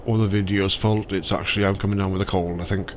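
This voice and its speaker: Deep-voiced and flat, this male YouTuber speaks fast as he plays a driving game, musing out loud in casual commentary. A cold has left his nose a bit stuffy. The sound is lo-fi, with slight noise behind him.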